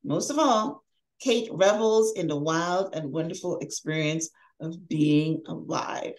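A woman's voice: lowish voice, unhurried, poor audio. A middle-aged woman hosting a podcast, reading an introduction with upbeat, emphatic delivery over a video call. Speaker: podcast host, life coach. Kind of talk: scripted introduction and interview. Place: home room, video call.

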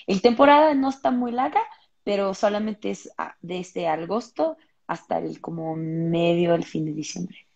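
A young footballer from Los Angeles answers interview questions on a video call from a room at home, wearing earbuds, so the audio is muffled. Her voice is on the low side, creaky and darkish, and she speaks unhurriedly and thoughtfully, with many fillers and restarts.

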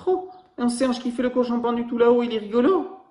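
A man's voice: very high voice, a little fast, a little mellow, pitched above the performer's own voice. A man doing a cheeky clowning hamster. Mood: playful. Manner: joking, clowning. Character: playful mischievous male hamster clown. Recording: roomy echoey room.

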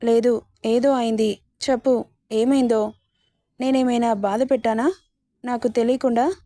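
A woman's voice: on the high side, fairly even intonation, unhurried, mellow, no room sound, studio quality, natural voice. A woman voicing an affectionate young woman in a spoken romance story, in a coaxing, sweet manner.

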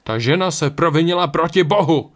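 A man voicing a zealous, fanatical medieval priest who preaches loudly and condemns. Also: mid-range voice, close to an everyday voice. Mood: condemning.

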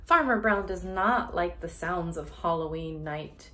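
A woman in her thirties, a children's story reader and educator, gives an interactive picture-book read-aloud for young children in a small room at home. Her fairly low voice is expressive and sing-song, reading slowly and deliberately with hushed asides and questions to the listener. The home recording has faint background noise.

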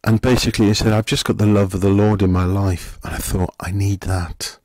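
A middle-aged man, a pastor, giving a gentle, conversational sermon full of questions to the listener. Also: lowish voice, level tone, a little fast, no room sound.

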